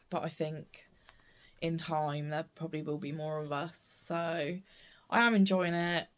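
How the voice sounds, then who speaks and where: A British woman chatting casually to camera in a rambling, self-interrupting way, with slightly slurred speech from a missing front tooth. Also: on the low side. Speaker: stitching vlogger. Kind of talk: casual chat to camera about craft projects.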